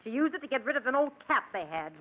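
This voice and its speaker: Nagging bitter wife, very high voice, querulous, old radio drama, dull lo-fi sound. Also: female voice, sing-song, fast talker. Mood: peevish, cold. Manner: querulous, complaining.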